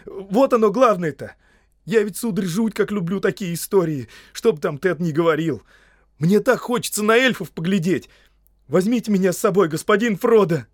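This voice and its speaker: A man's voice: sits high, expressive, normal speed, no room sound, studio quality, voice pushed up. A man voicing a simple, eager young male hobbit gardener who pleads in rustic country speech, in an audiobook.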